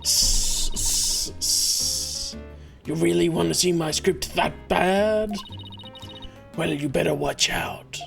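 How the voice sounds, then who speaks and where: A woman voicing a secretive young woman student from a video game in a sly snake voice, with drawn-out hisses. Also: lowish voice, vocal fry, faint music behind, pitched below the performer's own voice, full character voice. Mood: secretive, menacing. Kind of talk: video game character read aloud.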